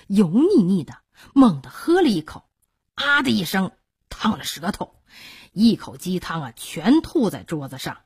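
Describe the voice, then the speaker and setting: Woman doing traditional chinese storytelling, husky breathy voice, slow and very expressive. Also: medium pitch. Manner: expressive, dramatic, with many drawn-out pauses.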